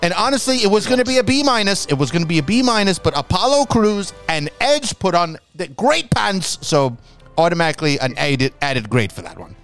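A man co-hosting a casual wrestling podcast, blunt and animated, swearing freely. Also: high voice, fairly quick, soft background music. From Tampa Bay area, Florida. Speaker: podcast co-host.

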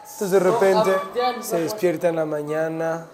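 A Torah teacher giving a short talk, animated, mixing in Hebrew terms and acting out little dialogues. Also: mid-range voice, normal speed, music in the background.

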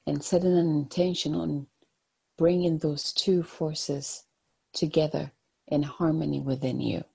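Husky, creaky-voiced spiritual card reader. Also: mid-range voice, fairly even intonation, measured pace, warm tone. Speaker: host, oracle card reader. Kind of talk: spiritual card reading with guided meditation.

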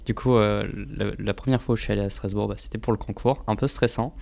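Relaxed young man, hesitant guest. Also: on the low side, fast, vocal fry. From Paris, France. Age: young adult. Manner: relaxed, hesitant, many fillers. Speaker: student guest. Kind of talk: casual radio interview.

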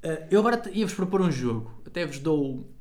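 Higher-voiced man, casual chat. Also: animated, a little fast, a little mellow. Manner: teasing, colloquial. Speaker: podcast host.

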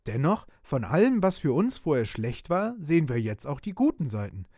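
Male narrator playing a jittery young ship's mate, excitable, pitched up. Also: normal speed, dry recording, studio quality. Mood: excited. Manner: excited, high-pitched outbursts.

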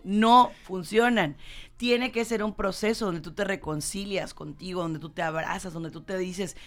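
A woman's voice: mid-range voice, moderate pace. A woman with a Mexican accent hosting a motivational talk show, emphatic and repeating her points straight to the audience. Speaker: host.

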